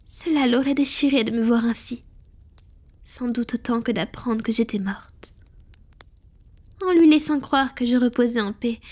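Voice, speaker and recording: A woman plays a female vampire centuries old in an intimate scripted roleplay, her voice high, soft and breathy. She confides in a measured way with touches of whisper, sounding wistful and confessional.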